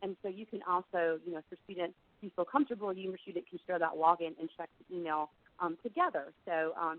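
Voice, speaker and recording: A middle-aged woman with a lowish voice, a little froggy because she's under the weather, presents a webinar as an admissions director. She explains things conversationally and says "you know" a lot. The dry recording sounds narrow-band, like a phone.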